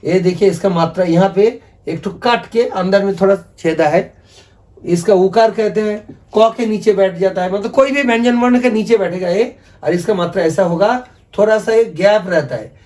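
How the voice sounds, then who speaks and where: A man's voice: sits high, moderate pace, darkish tone. A man whose first language is Bengali, teaching the alphabet in a patient, repetitive video lesson and asking viewers to repeat after him. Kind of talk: video lesson explaining script.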